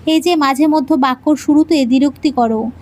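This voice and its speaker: A woman's voice: sits high, a little fast, close to an everyday voice. A woman voicing an affectionate young husband who jokes and teases his wife. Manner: gently teasing.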